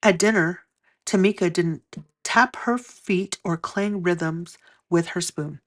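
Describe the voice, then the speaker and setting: A woman with a slightly low voice reads a picture book aloud for children. Her narration is expressive, with deliberate phrasing and key words drawn out for emphasis.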